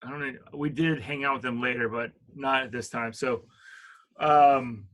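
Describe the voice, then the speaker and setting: A man's voice: mid-range voice, steady tone, moderate pace, fairly bright tone. A middle-aged man casually telling a story, rambling with lots of fillers and restarts. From Richmond, Virginia.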